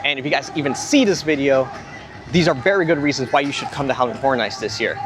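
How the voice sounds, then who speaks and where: A man's voice: mid-range voice, fast. A young man vlogging outdoors at a theme park, rambling with enthusiasm, repeating himself and a bit out of breath. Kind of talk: casual rambling vlog talk. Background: music from nearby.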